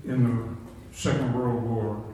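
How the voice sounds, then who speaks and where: A man's voice: medium pitch, little pitch movement, takes it slowly, warm tone. An older man telling folksy, chuckling stories from his younger days to a group. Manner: folksy, chuckling through anecdotes. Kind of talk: casual storytelling to a group. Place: large echoey room with a group. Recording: very echoey room, mic from a distance, faint noise.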